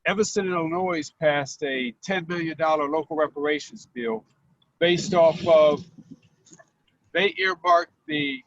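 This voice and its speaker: Calling a talk show from his car on speakerphone, this man explains his point by setting out facts and restating key numbers. His fairly high, gravelly, slightly bright voice is very animated yet unhurried. The muffled phone line carries a little hiss or hum.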